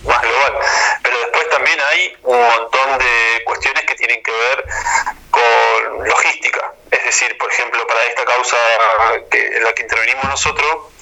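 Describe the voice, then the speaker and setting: Phone-line guest, a man with an Argentine accent, bright and halting. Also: medium pitch. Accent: Argentine Spanish. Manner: halting, restarts mid-phrase. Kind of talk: explaining by phone.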